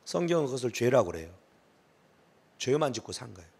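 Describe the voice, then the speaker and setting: A middle-aged male pastor preaching a sermon, emphatic, swinging from hushed asides to shouted pleading. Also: medium pitch, big pitch swings, fast talker, creaky, breathy edge.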